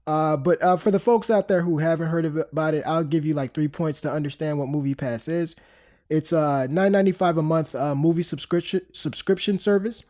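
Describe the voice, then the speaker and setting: In casual podcast chat, a man in his thirties speaks briskly with a fairly high pitch and dark tone, his nose stuffed up by a cold. Fillers and restarts run throughout his loose talk.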